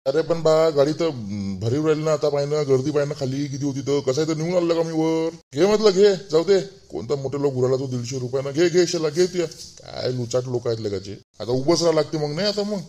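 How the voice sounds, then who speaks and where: In a cartoon, a man voices a chatty, fussy village man with a Vidarbha Marathi accent, his voice sitting a little high. The character rambles and grumbles half to himself at a quick pace, sounding animated, mellow and natural.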